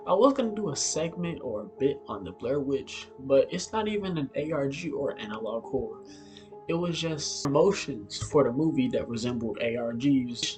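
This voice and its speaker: A YouTube host with a medium-pitched, slightly mellow voice explains things casually and offhandedly, sometimes tripping over his words. The recording has a roomy echo with background music.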